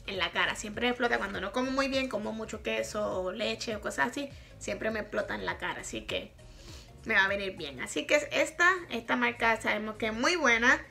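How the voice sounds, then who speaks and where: Speaking a little high and fairly quickly, this woman has a lively, creaky, pushed and bright delivery over faint background music. She's a Puerto Rican makeup vlogger in her thirties, reviewing products casually and frankly from her small bedroom, laughing a lot, with a Puerto Rican Spanish accent.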